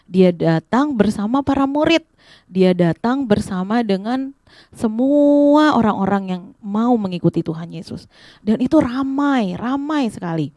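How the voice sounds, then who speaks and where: A woman teaching children, telling a Bible story in an animated, direct way and speaking to the kids. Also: mid-range voice, no echo. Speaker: children's Sunday school teacher.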